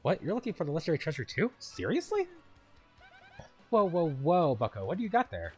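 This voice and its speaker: A man's voice: on the high side, huge pitch swings, a little fast, slightly rough, soft background music, voice pushed up, full character voice. A man reading as a snarky goomba college girl. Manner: chatty and sarcastic. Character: perky young female goomba student, snarky.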